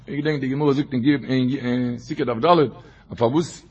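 A man, a rabbi, giving a Torah talk, who repeats his phrases and recites Hebrew quotes in a quick chant. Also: medium pitch, steady tone, husky, dull audio. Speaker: rabbi teaching.

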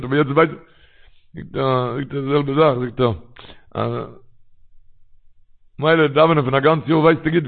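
Over a tinny phone line, a man with a fairly high, gravelly voice tells religious stories, rambling and repeating his phrases.

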